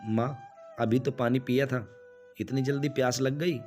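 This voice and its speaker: A man playing an irritable grown son in a storybook tale. His voice is an ordinary mid-pitched male voice, quick to complain, with soft music underneath. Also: steady tone, natural voice. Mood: irritated.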